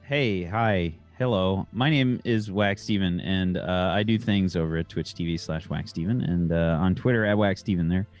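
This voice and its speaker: A man's voice: low voice, moderate pace, few pauses, a little mellow, faint music behind. A man casually plugging his streaming channel and an upcoming show, easygoing and upbeat with many fillers. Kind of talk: casual self-promotion.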